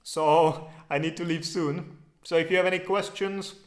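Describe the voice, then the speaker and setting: Speaking English with his native Czech accent, this man runs a relaxed live question-and-answer stream, loose and talkative with frequent fillers. His pitch is slightly high and his tone stays steady at an ordinary pace, captured in an echoey room.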